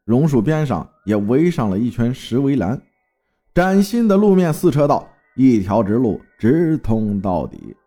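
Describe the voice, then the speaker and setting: A man's voice: medium pitch, sing-song, measured pace, warm tone, faint music behind. A man from Fujian narrating a folk tale in a dramatic storytelling manner. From Fujian, China.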